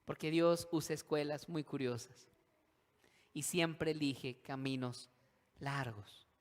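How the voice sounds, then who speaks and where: A pastor preaches in a slightly high voice, swinging from loud acted pleas to hushed emphasis. He leads his congregation in call-and-response. The sound rings with the long reverb of a large hall. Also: slow. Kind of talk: sermon. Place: church hall.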